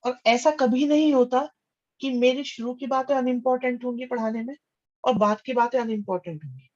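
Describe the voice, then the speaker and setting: A man's voice: extremely high pitch, a little fast, darkish tone, dull audio. A man teaching maths in a live online class. He calls students "beta," reads out their names, praises their answers and repeats his questions back to them.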